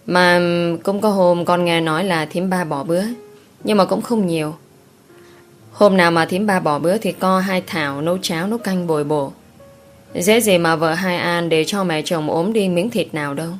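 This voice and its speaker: A woman's voice: lowish voice, normal speed, soft background music, lightly acted. A woman voicing a young unmarried daughter who coaxes and pleads with her mother. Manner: whiny, coaxing.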